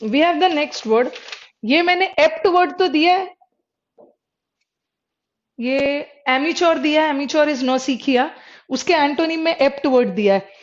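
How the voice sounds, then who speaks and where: A high-pitched woman teaches English words in a live online class. She mixes Hindi and English, says each word more than once, and keeps asking her students to respond. The recording is dull and lo-fi. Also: unhurried, pauses often. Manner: explains in mixed Hindi and English, repeats words, checks with students. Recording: dull lo-fi sound.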